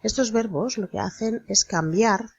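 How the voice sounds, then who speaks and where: A woman explaining an English grammar lesson in a slow, deliberate manner, spelling out letters. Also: medium pitch, creaky, husky, dry recording, dull audio. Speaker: English teacher.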